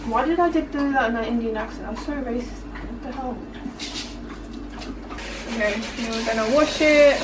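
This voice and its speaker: A woman's voice: on the high side, normal speed, long pauses. A young woman chatting casually to viewers while she cooks in her home kitchen, filming on a handheld phone. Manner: chatty, bubbly, talks to viewers while cooking. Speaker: cooking vlogger. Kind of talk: casual cooking vlog chat. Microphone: handheld phone camera. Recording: noisy kitchen recording.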